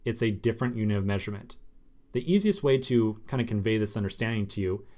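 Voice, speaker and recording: A man's voice: fairly low pitch, expressive, fast, a little mellow. A man teaching a screencast coding lesson, explaining step by step in a casual way with fillers. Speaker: programming instructor.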